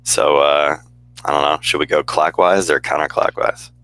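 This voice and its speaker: A man's voice: a bass voice, flat delivery, normal speed, a bit bright, a little hiss or hum, rough recording. A man from the United States moderating a panel over a video call, talking loosely with jokes and plenty of fillers. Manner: loose, joking, lots of fillers. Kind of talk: casual panel chat. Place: home room on video call. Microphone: headset.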